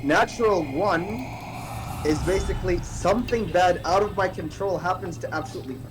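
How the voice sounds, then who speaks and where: A man chatting casually and excitably as a tabletop game player. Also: high-pitched, fairly quick, background noise. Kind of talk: casual chat. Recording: music behind the voice.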